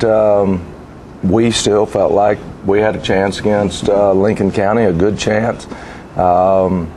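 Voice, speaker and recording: Guy coach recapping a game, halting, mellow creaky voice, bit of background noise. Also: on the low side. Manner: halting, deliberate. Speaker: football head coach. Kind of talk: unscripted post-game commentary.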